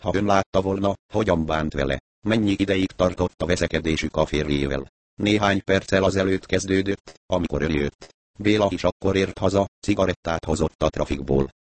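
A man reading an audiobook, voicing a tense middle-aged woman who answers questions in a hushed, hesitant way. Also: deep voice, dry recording, close to an everyday voice. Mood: hushed pleading.

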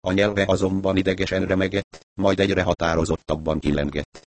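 Deep-voiced male audiobook narrator. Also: level tone. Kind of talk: audiobook reading.

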